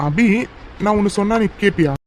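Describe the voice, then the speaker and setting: A woman's voice: medium pitch, a little fast, a little mellow, slight background noise, close to an everyday voice. A woman voicing a young husband in a cartoon romance, teasing and coaxing his wife tenderly.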